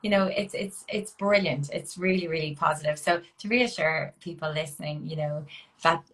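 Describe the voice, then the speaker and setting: Encouraging woman interviewer, slightly low voice. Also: normal speed, fairly bright tone. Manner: encouraging, frequent backchannels. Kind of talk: conversational interview.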